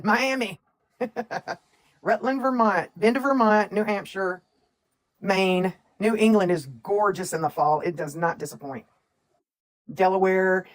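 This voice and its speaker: Chatty woman reading comments. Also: mid-range voice. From Tennessee, USA. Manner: chatty, reads out viewer comments. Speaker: livestream co-host. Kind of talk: casual livestream chat.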